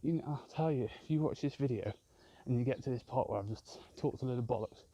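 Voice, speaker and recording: A man's voice: medium pitch, fast, warm tone, lo-fi sound. A man rambling and swearing constantly as he films a vlog on a walk outdoors in a park with his phone. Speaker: vlogger. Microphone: handheld phone camera.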